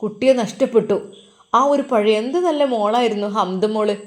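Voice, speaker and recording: A woman's voice: on the high side, moderate pace, lightly acted. A woman voicing a grieving middle-aged housemaid who tearfully scolds her employer in a told story. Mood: tearful reproach. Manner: tearful, reproachful pleading.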